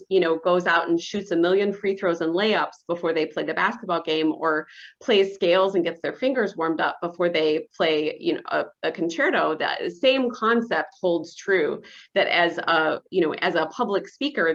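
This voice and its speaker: A woman communication professor talking on a podcast panel in a measured, thoughtful way, pausing often. Her voice sits on the low side and comes through dull and lo-fi. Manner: measured, thoughtful, frequent fillers. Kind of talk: panel discussion. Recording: dull lo-fi sound.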